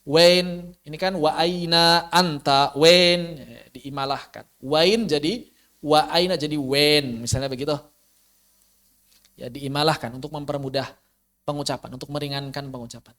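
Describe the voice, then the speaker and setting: A man's voice: on the high side, steady tone, a little slow, a bit bright. A man teaching recitation in an online lesson, explaining patiently and drawing out his examples over a video call.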